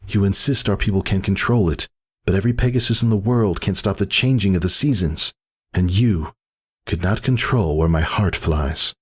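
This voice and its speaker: In a dramatic fan fiction reading, a man voices a weary but defiant pegasus mother, speaking earnestly. His voice is low but pitched above his natural range, slightly rough, at normal speed.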